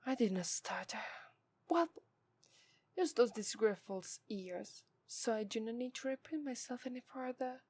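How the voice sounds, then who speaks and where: With a fairly high, darkish voice, a woman voices a scornful, haughty and seductive demon for ASMR roleplay. Her Italian-accented delivery is formal and deliberate, now and then sinking into breathy whispers, and the recording is dry.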